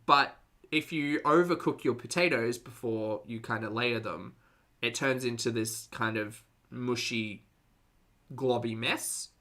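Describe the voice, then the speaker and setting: Casual live commentary to a chat: a man runs a reaction stream, bantering with viewers in a dry, teasing, sarcastic way. He has a mid-range voice with a sharp tone.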